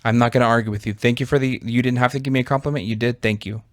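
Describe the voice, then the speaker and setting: A man in his thirties chats as a podcast co-host. His voice sits at an ordinary middle pitch and the sound is dry and close. He rambles thoughtfully and leans on fillers as he talks. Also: steady tone, racing, no room sound. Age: 30s. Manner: reflective, rambling with many fillers. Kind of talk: casual chat.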